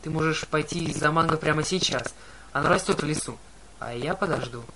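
A man's voice: fairly high pitch, noisy background, natural voice. A man voicing a nervous teenage male satyr pretending to be a bride, fluttery and pleading. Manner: fluttery, pleading, talks fast when scared.

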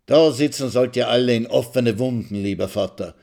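A man voicing a bitter paralyzed old woman who groans and whines in a drawn-out, prayer-like melody. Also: low-pitched, expressive, mellow, slightly rough, heavily acted. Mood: grumbling. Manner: groaning venomously.

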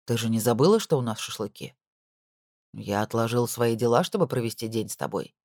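A woman's voice: rumbling low, expressive, fairly quick, a little mellow, no echo, clean studio sound, voice pushed down, exaggerated voice. A woman voicing a cold, domineering husband who speaks in curt, menacing lines.

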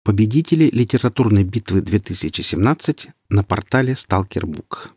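A man reading an audiobook story in a measured, even narrating voice. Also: on the low side, breathy edge, dry recording, studio quality. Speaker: audiobook reader. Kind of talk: scripted narration.

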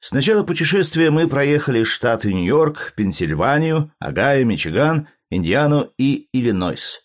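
A man reading a travel story aloud as narrator, in a measured, lightly dramatic way. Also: medium pitch, sing-song. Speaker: audiobook reader. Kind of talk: scripted narration.

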